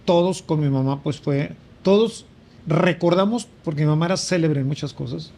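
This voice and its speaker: A man's voice: a little high, normal speed, creaky, darkish tone. A man, a priest sharing a conversational spiritual reflection and rising for emphasis. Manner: reflective, with frequent fillers and emphatic rises.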